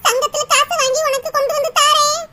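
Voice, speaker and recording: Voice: flat delivery, fast, heavily acted. A performer voicing an elderly village mother in a cartoon, scolding yet tender and tearful. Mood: tearful advice. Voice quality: squeaky, sped-up high voice. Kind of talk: cartoon voice acting. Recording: loud background noise.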